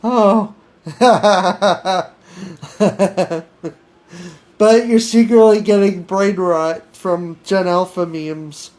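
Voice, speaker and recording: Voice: mid-range voice, fairly even intonation, extremely slow, long pauses, a little mellow. A podcast host chatting casually with an AI, giggling and stammering through restarts. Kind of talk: casual improvised chat with an AI.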